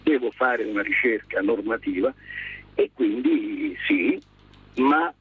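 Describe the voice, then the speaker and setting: A man calling into a radio show on speakerphone from his car, explaining things in a polite, practical, measured way. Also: lowish voice, animated, husky, no echo. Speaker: guest electrician. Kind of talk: radio phone-in conversation. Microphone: car hands-free speakerphone. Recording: muffled phone-line speakerphone audio.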